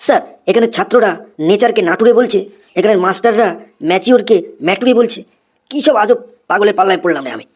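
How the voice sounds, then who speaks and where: A flustered new male schoolteacher in a cartoon comedy, as voiced by an actor, rattling off quick complaints. He exclaims and scolds, exasperated by everyone around him. The pitch sits at a middling level. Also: a little mellow, close to an everyday voice. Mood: complaining.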